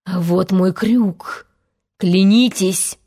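A woman voicing a fierce male pirate captain in a storybook reading, speaking slowly, low and threatening. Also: expressive. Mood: menacing.

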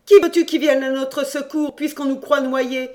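A man's voice: very high-pitched, fairly even intonation, pitched above the performer's own voice. A man doing a frantic, boastful young cousin. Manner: rapid, agitated, shouting.

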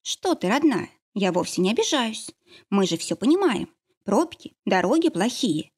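A woman's voice: mid-range voice, very animated, moderate pace, darkish tone, breathy edge. A woman voicing a worried, loving middle-aged mother in an audiobook, speaking in a fussing, soothing way. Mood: tender. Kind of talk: audiobook character reading.

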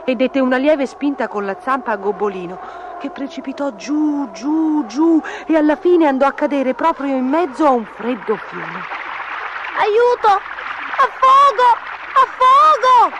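A woman's voice: high voice, normal speed, noisy background. A woman narrating a children's fairy tale expressively, in a storybook reading style. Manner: expressive, lively.

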